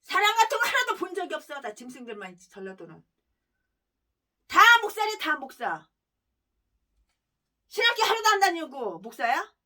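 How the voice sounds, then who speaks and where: A woman pastor preaching a fierce denunciation in a very high, piercing voice. Her pitch leaps wildly up and down, and her tone is bright and cutting. She rants relentlessly and breaks into shouts. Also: big pitch swings, moderate pace, long pauses. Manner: vehement, ranting, heavy name-calling, bursts of shouting. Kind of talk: fiery denunciatory sermon.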